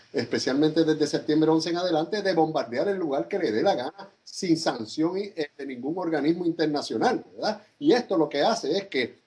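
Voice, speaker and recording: A man's voice: a little high, a little mellow. Hesitant male news analyst. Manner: critical, hesitant with many fillers and repeated words. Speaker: international analyst, guest. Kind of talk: news interview answers.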